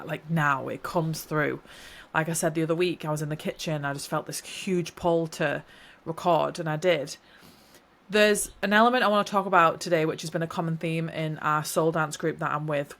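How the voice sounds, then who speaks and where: With a deep but slightly bright voice, a young woman from New Zealand talks through her solo podcast in a casual, rambling, heartfelt and earnest manner. She sounds a bit nasal and congested from hay fever.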